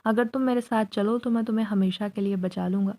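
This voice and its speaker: A woman's voice: medium pitch, fairly even intonation, mellow, natural voice. A woman voicing a young male jinn who pleads his love in a spoken horror story. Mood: earnest.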